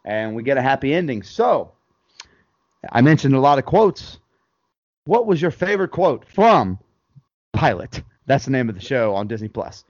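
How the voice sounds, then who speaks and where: A man's voice: medium pitch, normal speed, pauses often, dry recording. Casual male podcast co-host, easygoing, laughs a lot; dry, dull recording. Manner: relaxed, laughs often, says "man" and "dude". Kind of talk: casual chat reviewing a sitcom episode.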